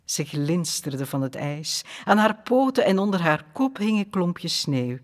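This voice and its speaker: A man narrating a children's story audiobook in a calm, expressive storytelling manner. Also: high-pitched, unhurried.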